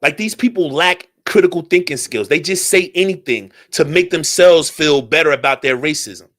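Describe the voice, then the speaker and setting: A man's voice: fairly high pitch, moderate pace. Profane, fired-up talk radio man. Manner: profane, animated, rhetorical. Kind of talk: solo ranting talk show.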